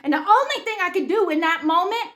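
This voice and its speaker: A woman with a high, bright voice tells a comic story. Her delivery is animated, profane and punchy. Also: fast. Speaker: comedian.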